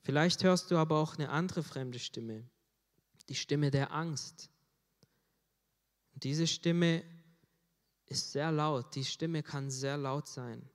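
A man preaching a sermon in an earnest way, rising in force on key phrases. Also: medium pitch. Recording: long hall reverb.

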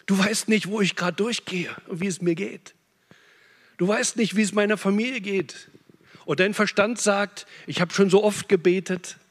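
An impassioned male preacher delivering a sermon, rising to loud, urgent peaks and dropping to hushed, low phrases. His voice sits a little high for a man. Long reverb trails every line in a large church hall.

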